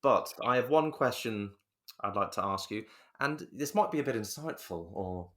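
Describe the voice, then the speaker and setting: Low-voiced man hosting, rambling warmly. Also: expressive, normal speed. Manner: warm, rambling, with many restarts. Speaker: podcast host. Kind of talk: casual interview.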